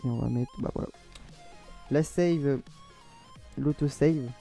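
A man's voice: medium pitch, slow, vocal fry, mellow, soft background music. A man with a French accent giving a casual, rambling modding tutorial, often correcting himself and laughing at his own slips. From France. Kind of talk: casual screen-recorded tutorial.

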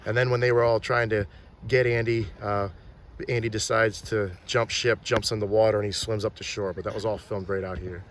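Over background noise, a man with a low, level voice briskly narrates a phone-filmed tour of filming locations. He's chatty and points out details outdoors and at shop windows in a small town, often restarting what he says.

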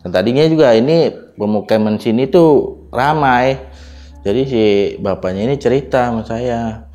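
A man's voice: mid-range voice, normal speed, darkish tone, highs cut off, soft background music. A young adult man from Indonesia telling a personal ghost story in casual spoken style, often addressing his listener directly and acting out the dialogue. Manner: colloquial, addresses listener as Bang, acts out quoted dialogue.

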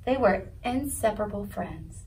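A woman's voice: mid-range voice, expressive, moderate pace, darkish tone, distant mic, slight background noise, low-quality recording. A woman leading a children's story time, reading a picture book aloud in a sing-song voice and asking the kids questions. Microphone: video recording.

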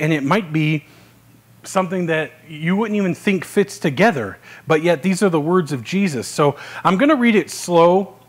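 A man giving a Sunday sermon as pastor, talking in a relaxed, conversational way with many "uh" fillers. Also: on the high side, slightly rough. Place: church service, live-streamed.

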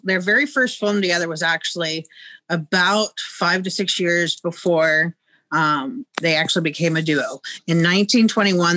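A woman's voice: on the low side, fairly bright tone, dry recording. A middle-aged woman guiding a museum, speaking on a video call in a knowledgeable way with frequent hesitations. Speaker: museum guide. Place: museum exhibit room, indoors. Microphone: video call, webcam.

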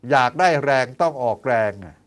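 A man's voice: medium pitch, a little fast. A man in his sixties, a doctor hosting a health show, chatting in a folksy way and tossing out teasing questions to his listeners. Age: 60s. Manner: chatty, lively asides, teasing rhetorical questions; counts out exercise steps aloud.

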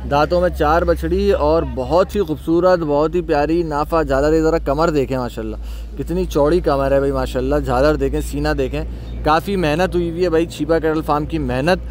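कराची के उर्दू लहजे वाला एक आदमी, बाहर के फार्म पर जानवर दिखाते हुए कैमरे के पीछे से कमेंट्री करता है, बार-बार माशाल्लाह कहता है और संभालने वालों को बछड़ा चलाने के निर्देश देता है।. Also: male voice, fairly high pitch, darkish tone, a little hiss or hum. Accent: Karachi Urdu. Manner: keeps saying mashallah, calls out orders to handlers. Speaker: cattle market vlogger. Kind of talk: off-camera commentary showing livestock. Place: outdoor cattle farm yard.

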